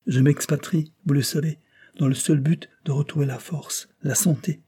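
Male reader putting on a frail anxious noblewoman for an audiobook, a lifted voice over a husky tone. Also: a little high, steady tone, moderate pace, dark tone, voice pushed up. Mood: pleading. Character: frail ailing young noblewoman, gentle and anxious.

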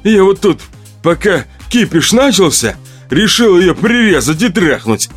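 A man's voice: sits high, big pitch swings, unhurried, breathy edge, soft background music, voice pushed up, full character voice. A man voicing a menacing male stalker who snarls threats, then whines and pleads. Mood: snarling. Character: menacing male stalker, later sobbing coward.

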